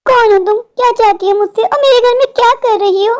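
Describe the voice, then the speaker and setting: A scared younger sister in a cartoon horror tale, very high-voiced, pleading and fretting aloud, voiced by a woman. Nervous and vulnerable throughout. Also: a little fast. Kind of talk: animated horror story voice acting.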